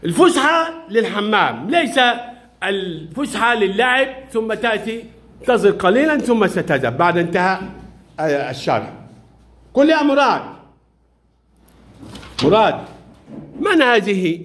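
A male primary school teacher with a notably high voice fires questions at young pupils. He is patient, praises right answers and gently scolds those who stray. His delivery is classroom questioning. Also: sing-song, unhurried, long pauses.

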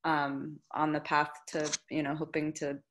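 A woman's voice: low voice, completely flat delivery, measured pace, slight background noise. Young woman facilitator on a video call. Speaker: workshop facilitator. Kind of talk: facilitating a discussion. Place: indoor living room with lamp.

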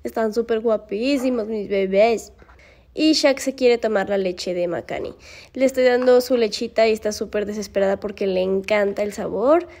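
In a casual vlog aimed at the camera, a woman chats playfully about her pets, often laughing and squealing. She speaks at a moderate pace with a medium-pitched, darkish voice.

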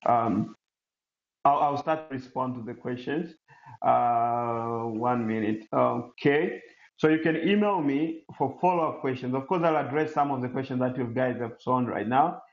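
This clip has a Tanzanian man, Swahili his first language, running a webinar as head of an incubator and answering questions in a halting way, restarting and filling pauses frequently. His voice sits mid-range. Recorded via laptop mic on a video call, it comes across roomy and dull.

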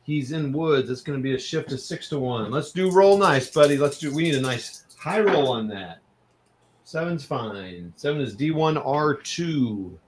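A man's voice: mid-range voice, lively intonation, normal speed. A man playing a board wargame, counting out odds and dice rolls aloud in casual commentary. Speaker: wargame player.

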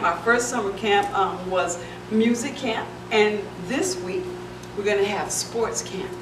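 A woman's voice: on the high side, background noise. A middle-aged woman who runs a children's center, chatting through a casual how-to demonstration, often restarting her sentences. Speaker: founder and director of a center for children. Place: large indoor playroom. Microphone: camera microphone from across the room. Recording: echoey room heard from a distance.

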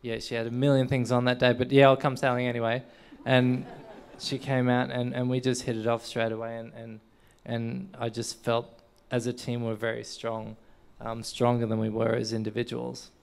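Gravelly earnest Australian man. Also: medium pitch, flat delivery, normal speed. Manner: earnest, repeats "and" often while searching for words. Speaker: Paralympic sailor, honoree. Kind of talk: stage interview. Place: event stage. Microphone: handheld mic.

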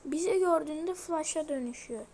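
Here a young woman gamer provides horror game commentary, exclaiming to viewers in a nervous, scared way. Her voice is high and dark in tone, fairly quick, with a little hiss or hum behind it.

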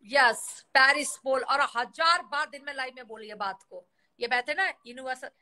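A woman's voice: high voice, moderate pace, bright, forceful tone. A woman hosting a casual live stream on a phone mic, rambling and slipping English words into her talk.

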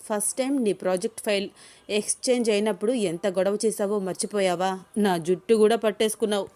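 A woman reads a story aloud, voicing a smitten young office boss who playfully teases the woman he's falling for with teasing questions. Her medium-pitched voice is mellow and close to everyday speech, moving a little fast.

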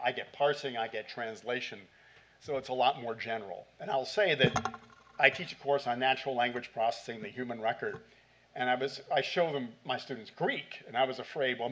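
A middle-aged man, a conference presenter, fields questions after his talk in a hall, speaking into a podium mic. His voice sits at a medium pitch with a fairly bright tone, and he talks fairly quickly in short bursts full of fillers.

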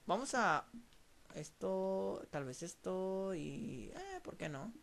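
A man with a Mexican Spanish accent, casually commentating his own gameplay to viewers with lots of swearing and excited outbursts. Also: high voice, takes it slowly, gravelly. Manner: profane, excitable, talks to viewers while playing. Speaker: gameplay channel host.

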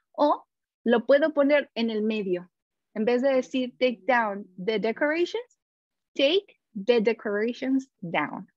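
A woman with a fairly high voice teaches a webinar lesson and works through one example after another, filling gaps with small fillers. The sound is dry and a little dull, like webinar audio. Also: dry recording. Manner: animated, explains with many examples and fillers. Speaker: English teacher.

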